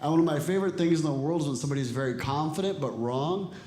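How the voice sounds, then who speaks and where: A man's voice: fairly high pitch, quick pace, warm tone. A man in his forties doing a stand-up comedy set with a dry, self-deprecating delivery, acting out bits of dialogue. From Ecuador and El Salvador. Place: comedy club stage with a live audience. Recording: echoey room with audience noise.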